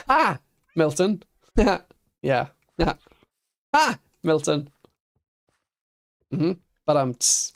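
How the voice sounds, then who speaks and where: Male streamer, slightly high voice, unhurried, chatty, laughs easily while building. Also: a little mellow. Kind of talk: casual chat while playing a building game.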